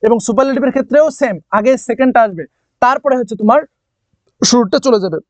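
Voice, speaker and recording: A man's voice: extremely high pitch, brisk, no echo. A man with a Bangladeshi Bengali accent teaching an English grammar lesson, explaining step by step and often checking understanding, with thinking-aloud fillers and self-corrections.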